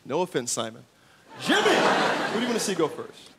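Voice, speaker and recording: High, lively male comedy host. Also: moderate pace. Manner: hyped, rallying announcements. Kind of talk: hosting a live comedy show. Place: comedy club stage before live audience. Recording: loud crowd and noise.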